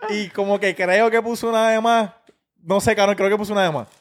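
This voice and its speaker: Dude, high voice, excitable, swearing, firing off questions. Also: male voice, a little fast. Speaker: trick participant. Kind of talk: casual chat.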